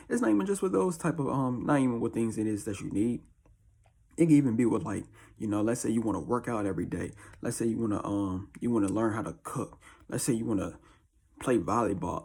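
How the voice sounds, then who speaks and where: A man with a deep, husky early-morning voice, chatting casually as a video host in a slangy, repetitive way. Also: darkish tone. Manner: slangy, informal, repeats catchphrases. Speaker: YouTube host. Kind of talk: casual chat to camera.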